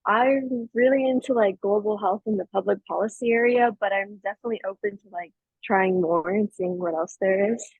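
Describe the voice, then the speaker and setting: Young breathy-voiced woman from Texas. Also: medium pitch, brisk, no room sound, narrow, tinny audio. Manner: casual, uses filler "like". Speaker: prospective student. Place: at school. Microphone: video call.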